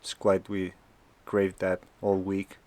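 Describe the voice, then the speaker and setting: A man from Spain, answering questions casually in an unhurried, thoughtful way with pauses. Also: low voice, completely flat delivery, darkish tone.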